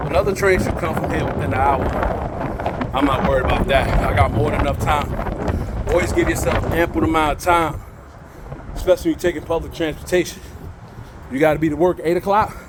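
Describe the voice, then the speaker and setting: A man's voice: a little high, fairly even intonation, brisk, pauses often, heavy background noise. A man talking casually on a walking vlog at a train station, preachy and encouraging, a little out of breath, into a phone he holds. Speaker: vlogger.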